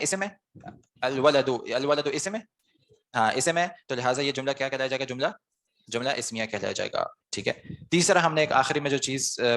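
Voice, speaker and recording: Teaching Arabic grammar online, a man speaks in a mid-range, fairly bright voice. He breaks each point down step by step and answers his own questions after putting them to the class.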